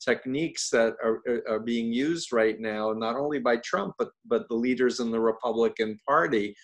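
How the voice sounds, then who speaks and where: A man's voice: medium pitch, normal speed. Male interview host, mid-range voice, earnest, stumbles over repeated words. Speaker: host and cult expert. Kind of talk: conversational interview.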